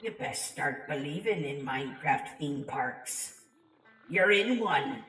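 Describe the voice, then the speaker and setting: Gruff old sea pirate played by a woman, sly and ominous, slightly distant in a roomy space. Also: deep voice, expressive, slow, fairly bright tone, soft background music, full character voice.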